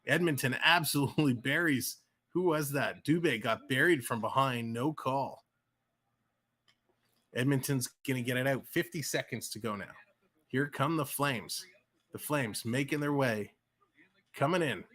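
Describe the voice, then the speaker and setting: A man from the Toronto area with a Canadian accent hosts a livestream, giving casual play-by-play and chatting with viewers. His mid-range voice sounds pushed and bright, moving at a measured pace with frequent pauses. He's chatty, reads the chat aloud, and laughs easily.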